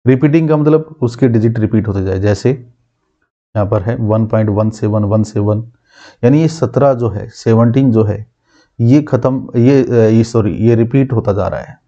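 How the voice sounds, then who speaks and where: A male math teacher giving a classroom lesson, asking his students questions and answering them himself, repeating key terms slowly. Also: medium pitch, warm tone, lo-fi sound.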